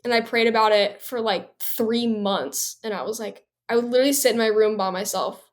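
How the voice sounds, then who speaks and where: A young adult woman, a guest on an interview show, telling her story in a bright, bubbly, chatty way full of fillers. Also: on the high side, steady tone, a little fast.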